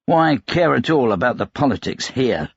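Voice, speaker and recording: A man's voice: mid-range voice, sing-song, moderate pace, vocal fry, husky, no echo, highs cut off, pitched above the performer's own voice, heavily acted. A man voicing a tired, worn-out male investigator and father who speaks in short, strained replies. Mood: weary.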